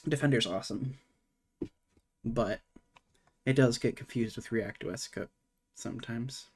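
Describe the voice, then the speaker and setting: A man's voice: mid-range voice, a little slow, a little mellow, slight background noise. A man streaming live while programming, thinking aloud in a casual, muttering way and swearing now and then.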